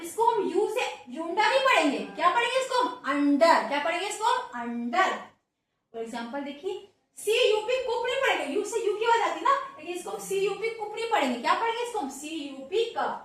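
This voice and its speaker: Woman teacher, really high bright voice, spells words out slow and keeps quizzing, echoey room and kinda far from the mic. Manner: repeats words slowly, quizzes listeners with questions. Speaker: English teacher. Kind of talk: classroom-style grammar lesson.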